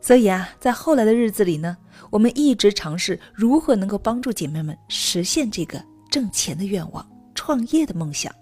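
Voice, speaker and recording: Lively female radio host, drawn-out particles. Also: medium pitch, breathy edge. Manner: soft particles drawn out at phrase ends; warm direct address to female listeners. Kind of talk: scripted radio talk.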